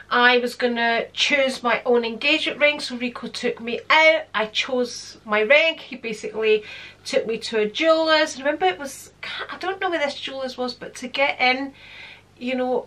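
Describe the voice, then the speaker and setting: Her voice is bright and sits high, carrying a Scottish accent with some London Greek. This London, England native hosts her own channel, chatting casually to camera in a rambling way and using lively hand gestures. Behind her are shelves of handbags in a room at home.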